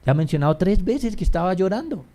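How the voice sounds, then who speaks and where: A male pastor preaches a sermon at a quick, sing-song pace, calling the congregation brothers. He swings between hushed, low passages and raised, emphatic lines.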